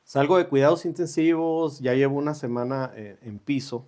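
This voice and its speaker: A man's voice: mid-range voice, dark tone. Earnest man telling a testimony. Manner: earnest, unhurried, with pauses and reenacted dialogue. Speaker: guest sharing a personal testimony. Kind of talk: conversational storytelling.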